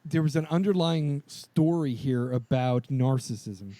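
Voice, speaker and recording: A man co-hosting a podcast, talking casually and excitedly about a film, swearing often and laughing. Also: mid-range voice, a little slow, no echo. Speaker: podcast co-host. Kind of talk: casual movie discussion.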